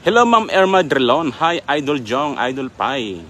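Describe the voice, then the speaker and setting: By a river, a young livestream host broadcasts his fishing live from a handheld phone, politely chatting and welcoming viewers by name. He speaks at a medium pitch and normal speed, very animated, with a sharp tone.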